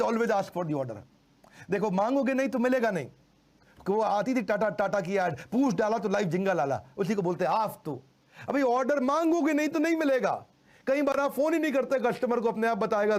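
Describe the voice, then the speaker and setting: A middle-aged man giving a motivational sales lecture, animated, slowly repeating key phrases for emphasis. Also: high-pitched. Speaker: sales trainer.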